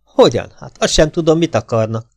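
A man performs the part of an excitable, vain middle-aged Russian violinist, pleading and protesting in a raised, high-pitched voice. The studio sound is clean with no echo.

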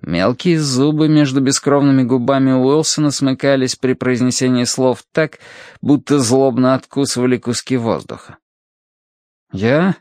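Man, audiobook narrator, mid-pitched voice, measured storytelling, dry close recording. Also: dry recording. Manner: measured, steady storytelling with acted pauses. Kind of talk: scripted narration.

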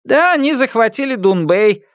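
A domineering old peasant matriarch, as a man acts her out, barks orders in a high, sharp voice. Her scolding tone rises and falls widely. This is an audiobook-style reading with a dry, close sound. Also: expressive, moderate pace, no echo. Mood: grumbling.

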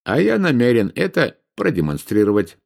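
A man reading an audiobook, voicing a brash, boastful adult prince in a raised, animated voice. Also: mid-range voice, moderate pace, gravelly, exaggerated voice.

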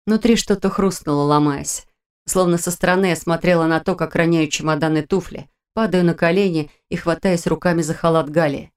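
A woman reading a first-person fantasy audiobook in an even, expressive storytelling manner. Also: on the low side, brisk, clear, resonant tone. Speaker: audiobook narrator.

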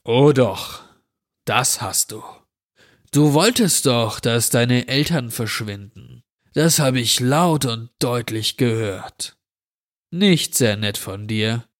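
A drawling, menacing stranger, put on by a male reader in a horror story reading. He talks very slowly and mockingly, like someone savoring every threat. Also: medium pitch, animated. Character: sinister drawling man, dirty, menacing wish-granter.

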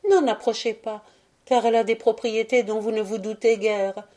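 A woman's voice: fairly high pitch, steady tone, moderate pace, mellow, lightly acted. A woman reading aloud and voicing a young, sorrowful girl who speaks tenderly and pleadingly to her beloved.

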